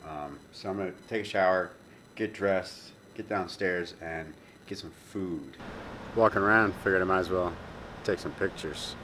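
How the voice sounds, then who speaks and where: Here the same kind of self-shot vlog plays out: a man in his thirties, action camera held at arm's length, wandering between a hotel room and a parked car. Relaxed and rambling, he fills his talk with ums. His voice sits low at a normal speed, with slight noise behind it.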